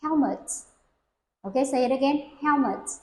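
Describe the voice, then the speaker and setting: Recorded in an echoey room with a little background noise, this woman speaks in a high-pitched voice at normal speed. She's giving a young learner an English speaking test, posing simple questions with patience and modeling complete sentences for the child to say back.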